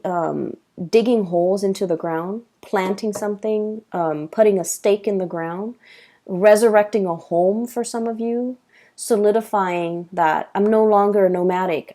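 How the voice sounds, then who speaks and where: A woman giving a tarot reading late at night, tired and halting, with many fillers and restarts. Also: mid-range voice, warm tone. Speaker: tarot reader.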